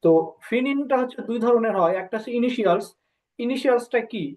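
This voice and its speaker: A Bengali-speaking woman teaching a language lesson, often pausing with filler sounds and slowly drilling syllables one by one. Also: fairly high pitch, a little mellow. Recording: dull lo-fi recording.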